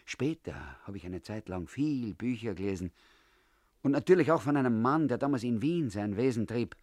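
A man's voice: mid-range voice, lively intonation, normal speed, darkish tone, no echo, studio quality. A man reading a first-person story aloud in a confiding tone, as if talking to an old comrade. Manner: confiding, addressing the listener as comrade. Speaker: audiobook narrator. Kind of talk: first-person literary narration.

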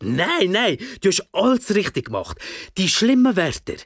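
A woman voicing a flustered, soft-hearted father who stammers, with a Swiss German accent. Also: medium pitch, sing-song, normal speed, no echo, studio quality, pitched above the performer's own voice. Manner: stammering, fumbling for words.

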